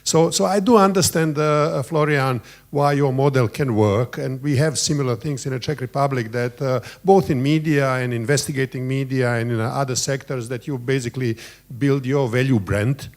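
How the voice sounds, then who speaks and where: A man's voice: medium pitch, moderate pace, darkish tone. A man from Bosnia, asking a panel an earnest question, hesitant at the start. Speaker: audience member asking a question.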